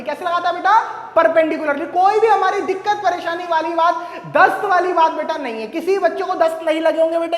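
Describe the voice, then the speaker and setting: High, playful male teacher lecturing in an echoey classroom, chatty and repetitive. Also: fairly bright tone. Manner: acts out dialogues with students. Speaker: physics teacher. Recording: echoey room with long reverb.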